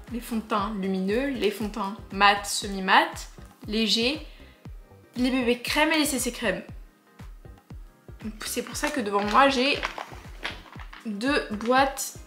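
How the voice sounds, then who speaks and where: A woman's voice: on the high side, a bit bright. A young woman, chatting through a casual makeup tutorial with joking asides and lots of fillers. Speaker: beauty vlogger. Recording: echoey room with faint music.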